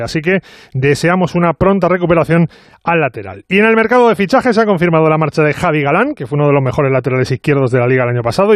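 A man with a Castilian Spanish accent hosting sports radio, delivering brisk news round-ups and chat. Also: on the high side, no room sound, clean studio sound.

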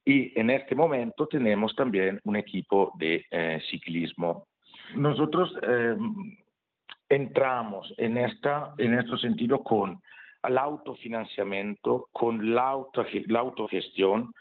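Halting Italian-accented man on a phone-like line. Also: medium pitch. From Italy, Bergamo area. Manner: hesitant, halting, searching for words. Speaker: member of an amateur football club, interview guest. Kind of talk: interview answers in a non-native language. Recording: tinny narrow phone-like line.

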